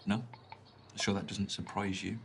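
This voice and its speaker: Lucas, a stammering British date. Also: male voice, sits low, level tone, unhurried, vocal fry, noisy background. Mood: nervous. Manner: hesitant, stammering, full of ums. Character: awkward, earnest young man on a date.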